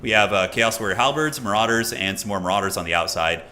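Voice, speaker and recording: A man's voice: lowish voice, lively intonation, fast talker, bright, forceful tone. A man, chatting loosely with his live-stream audience and commentating a strategy game match, with lots of fillers and restarts. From United States. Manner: loose and chatty, many fillers and restarts, reads chat aloud. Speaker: streamer and caster.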